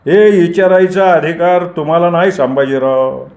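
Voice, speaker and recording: A man's voice: fairly high pitch, steady tone, a little mellow, voice pushed up, lightly acted. Man voicing a cold menacing smuggler boss. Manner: cold, commanding, drawn-out. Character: menacing smuggler boss Gani, male, adult. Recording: roomy echoey recording.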